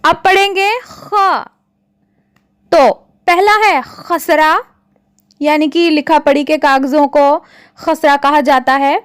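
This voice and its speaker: A woman's voice: high-pitched, steady tone, slow, pauses often, dry recording, studio quality. A woman teacher giving a patient lesson to children, often addressing them and stretching out example words. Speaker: Hindi teacher.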